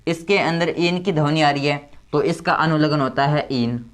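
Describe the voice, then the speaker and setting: A man teaching chemistry step by step, who repeats key terms and counts slowly aloud. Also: on the high side, smooth. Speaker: chemistry tutor. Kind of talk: explaining step by step at a board.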